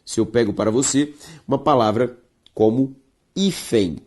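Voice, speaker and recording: A woman with a Brazilian Portuguese accent teaching a grammar lesson, stressing key words slowly and speaking straight to her viewers. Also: extremely low pitch, darkish tone, slightly rough. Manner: emphatic, drawn-out stressed words, addresses viewers directly.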